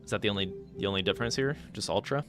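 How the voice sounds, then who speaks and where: A man's voice: lowish voice, rapid-fire, music in the background. A man hosting a live stream, casually commentating game matches and chatting with players, thinking aloud with fillers. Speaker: stream host and match caster.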